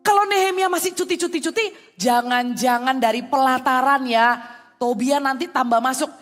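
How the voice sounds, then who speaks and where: A woman pastor giving a lively youth sermon, mixing English phrases into her talk. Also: high-pitched, normal speed, soft background music.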